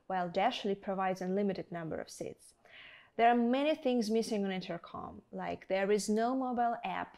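A young adult woman with a medium-pitched, somewhat dark voice presents a scripted promotional product review. She speaks straight to viewers, posing rhetorical questions, from an indoor studio with a plain backdrop.

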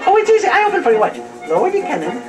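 High-pitched silly clown puppet. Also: female voice, huge pitch swings, rapid-fire. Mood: excited, scolding. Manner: silly clown, sing-song broken English. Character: silly excitable clown puppet, childlike and bumbling. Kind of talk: live puppet show performance. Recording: music playing, room camcorder recording.

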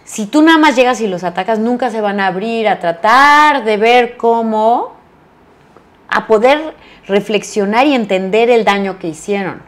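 A woman's voice: on the high side, moderate pace. A middle-aged woman from Mexico, an actress talking in a casual interview and acting out the lines she quotes. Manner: animated storyteller, acts out quoted lines.

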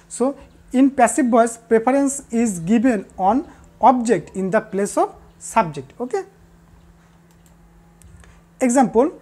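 A woman teaching a class, repeating the key answers and pausing with fillers. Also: a little high, a little mellow, slightly rough. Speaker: English teacher. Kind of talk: recorded classroom lesson.

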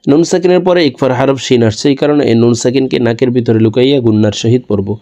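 A man teaching Quran reading, spelling out each letter slowly and then chanting the verses long and drawn out. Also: medium pitch, mellow. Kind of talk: recitation lesson.

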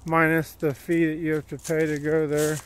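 A man's voice: a little high, level tone, moderate pace, slight background noise. A man giving plainspoken, rambling commentary while walking a wooded dirt trail, recorded on a handheld phone. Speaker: vlogger. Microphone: handheld phone camera while walking.

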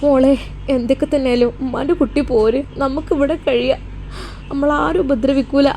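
A woman's voice: sits high, fairly even intonation, normal speed, warm tone, slight background noise. A woman doing a loving, anxious old village mother. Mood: pleading. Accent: Malappuram Malayalam. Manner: tender, pleading, calls her daughter dear.

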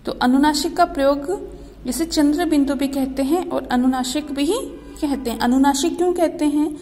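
Woman teacher doing a kids hindi lesson, high voice, slow, kinda echoey room. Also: mellow, soft background music. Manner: slow, drawn-out word-by-word reading with repeated questions. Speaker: primary school Hindi teacher. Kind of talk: teaching young children, call-and-repeat.

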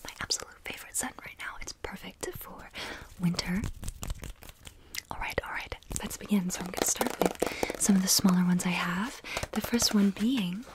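A young woman whispering in an ASMR style, soft and intimate, close to the microphone, lingering on and repeating words. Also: mid-range voice, normal speed. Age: young adult. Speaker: ASMR video host.

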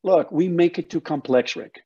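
An older man, guesting on a video call as a soil health educator, talks at a moderate pace in a mellow, slightly rough voice that sits on the high side. His explanatory interview talk is passionate, emphatic and folksy, coming from an indoor home office with slightly dull audio.

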